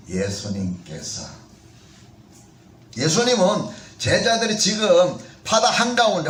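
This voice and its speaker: Male pastor, high voice, chatty sermon delivery, echoey room, a bit off-mic. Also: a bit bright, recorded from a distance, slight background noise. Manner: conversational preaching with questions to the congregation. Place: church sanctuary.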